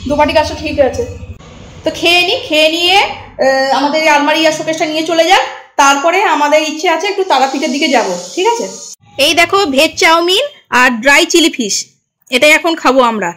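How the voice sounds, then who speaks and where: A woman's voice: sits high, fast, fairly bright tone. A woman chatting to her viewers in a casual vlog as she shows around her emptied home, her voice ringing in the echo of a bare room. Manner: chatty, showing things around. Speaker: vlogger. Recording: echoey empty room.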